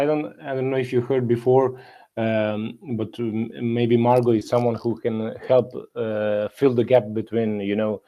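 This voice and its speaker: A man hosting a live audio chat in a mellow, relaxed voice of middling pitch. He is chatty and laughs easily between remarks. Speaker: host. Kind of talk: casual chat.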